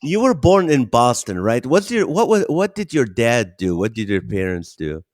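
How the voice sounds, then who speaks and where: A man's voice: medium pitch, big pitch swings, normal speed, darkish tone, dry recording, studio quality. A man hosting a podcast, introducing his guest and chatting casually, eager and repeating points for emphasis. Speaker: podcast host. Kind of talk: casual interview chat.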